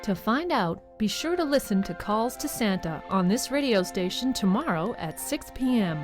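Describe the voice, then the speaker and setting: Music with jingling bells accompanies a woman who recaps a scripted radio serial like a storybook, talking straight to her audience. She speaks at a moderate pace in a medium-pitched voice with lively intonation.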